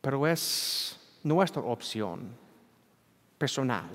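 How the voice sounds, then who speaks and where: Through the church sound system and a livestream, with a long reverb filling the hall, a priest delivers a bilingual homily at evening Mass. A native English speaker, he is unhurried and earnest, with frequent self-deprecating chuckles. His medium-pitched voice is a bit bright and lively in intonation.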